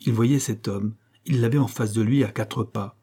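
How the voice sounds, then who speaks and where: A man narrating a novel in a measured, steady reading style. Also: on the low side, breathy edge. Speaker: audiobook narrator. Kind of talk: scripted narration.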